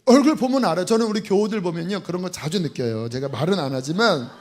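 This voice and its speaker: A male pastor delivers a sermon to his congregation in a church, his voice sitting high. He preaches in a lively, animated way, acting out faces and little voices and scattering fillers through his speech. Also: fast.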